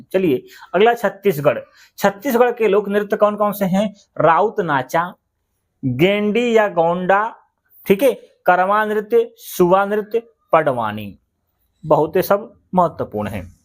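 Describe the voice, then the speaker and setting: A man teaching memory tricks for a general-knowledge exam, chatty, asking questions and answering them himself. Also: on the high side. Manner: chatty, repeats words, asks and answers himself. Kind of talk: mnemonic exam-prep lesson.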